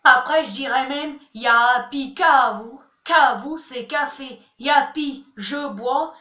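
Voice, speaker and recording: High, slow, bright-voiced young woman. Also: dull audio. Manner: chatty, playful, self-mocking. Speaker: vlogger. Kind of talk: casual vlog teaching words. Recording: echoey room, mic at a distance.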